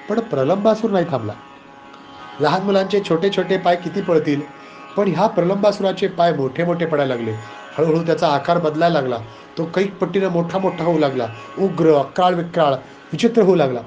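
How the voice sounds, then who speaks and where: A man with a Marathi accent giving a devotional scripture discourse, animated and conversational with moralizing asides. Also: fairly high pitch, muffled recording. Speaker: spiritual storyteller.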